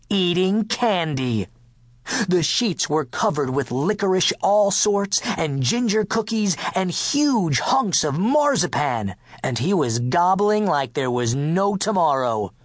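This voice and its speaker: A man narrating a children's picture book in first person as a dog, playful and expressive. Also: sits high, slow pace, no echo. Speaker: audiobook narrator.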